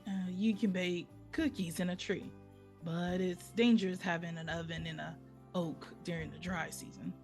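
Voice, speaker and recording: A woman voices a wry, talkative elf who proudly tells tales directly to the listener, conversational and folksy, over music in a live script read. Her pitch sits a little low, her intonation fairly even, and her moderate-paced, slightly mellow delivery is close to her everyday voice.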